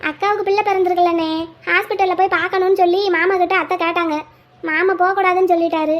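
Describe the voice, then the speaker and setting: A woman voicing a bossy, sharp-tongued young daughter-in-law who scolds briskly. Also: very high voice, flat delivery, muffled recording. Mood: scolding.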